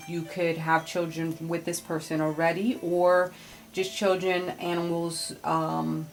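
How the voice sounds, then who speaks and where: Low-pitched woman giving a tarot reading. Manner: halting, thinking aloud, with blunt advice. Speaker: tarot card reader. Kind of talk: spiritual tarot reading, casual advising talk.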